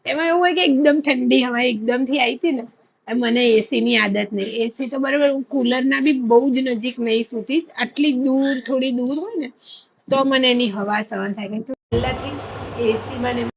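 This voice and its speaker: A woman's voice: high voice, moderate pace, vocal fry, breathy edge. Chatty woman vlogging on lo-fi audio. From India. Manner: chatty storytelling, animated when retelling. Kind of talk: casual chat to camera.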